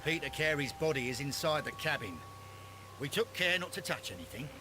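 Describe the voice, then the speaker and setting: Man acting an earnest Victorian English inspector, animated intonation, medium pitch, dutiful, game drama, noisy ambience behind. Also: fairly quick, lightly acted. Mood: businesslike. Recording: clear background noise and outdoor ambience.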